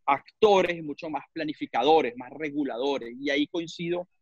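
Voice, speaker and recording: A man's voice: on the high side, breathy edge, no room sound. A man from Venezuela with a Venezuelan accent, speaking as a webinar panelist and often stopping to search for words. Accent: Venezuelan Spanish. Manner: halting, searches for words with many repeats. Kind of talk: panel discussion on a video call. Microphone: video call. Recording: muffled video call audio.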